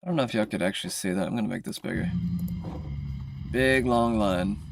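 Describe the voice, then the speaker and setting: A man's voice: fairly low pitch, a little fast, gravelly, no room sound. A man in political commentary, reading out posts and reacting with offhand, sarcastic asides.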